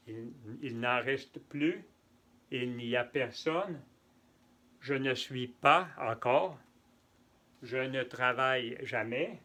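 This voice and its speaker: Male tutor for a bilingual French lesson; unhurried delivery, bright voice. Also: mid-range voice. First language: neither French nor Spanish. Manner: slow, patient, repeats examples and translates into Spanish. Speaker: French teacher.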